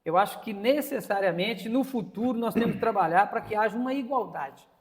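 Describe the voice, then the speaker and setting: Speaking a little fast and in an animated way, this man has a high-pitched voice and a Brazilian Portuguese accent. He's a podcast host and interviewer in his fifties, leading a casual interview with strong opinions and a habit of repeating words as he gropes for them. The audio has a big-room sound.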